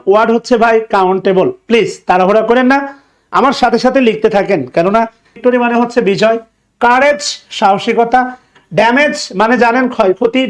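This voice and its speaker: A man with a Bangladeshi Bengali accent giving an exam-prep English grammar lecture, repeating key words, joking and asking if students follow. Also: extremely high pitch.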